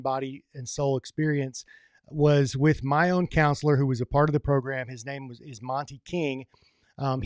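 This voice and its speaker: A man's voice: medium pitch, no echo, clean studio sound. A man hosting his own coaching channel, telling a motivational story in a conversational way and often restarting his phrases. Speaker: host of a men's coaching program.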